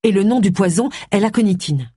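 Un lecteur de livre audio prête sa voix à une détective d'une cinquantaine d'années, nerveuse et prompte à s'emporter. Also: female voice, mid-range voice, expressive, a little fast, warm tone, husky, no room sound, clean studio sound, voice pushed up. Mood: tendue. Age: 50s. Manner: tense, emotional outbursts. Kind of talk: audiobook character voice.

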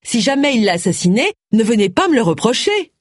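A woman's voice: fairly high pitch, sing-song, a little fast, dry recording, studio quality, pitched above the performer's own voice. A reader doing a brusque, firm woman detective. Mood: firm, wry. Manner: firm, impatient. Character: brusque middle-aged woman detective, wry.

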